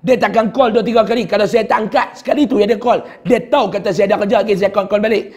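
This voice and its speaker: A middle-aged man with a Kedah Malay accent, a religious teacher telling a heartfelt personal story in a sermon, often sinking to a hushed voice. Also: high-pitched, steady tone, fast. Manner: heartfelt storytelling, dropping to a hushed voice at sad moments.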